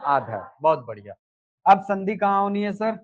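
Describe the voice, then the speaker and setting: A man's voice: sits high, sing-song, lo-fi sound. A male teacher giving a live classroom lesson, explaining step by step and asking questions, then answering them himself. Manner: explains slowly, asks and answers his own questions.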